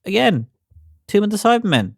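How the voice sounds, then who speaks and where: A man co-hosting a podcast, rambling with halting restarts and an exasperated tone. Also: sits high, sing-song, creaky, dry recording, clean studio sound. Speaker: podcast co-host. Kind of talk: casual chat.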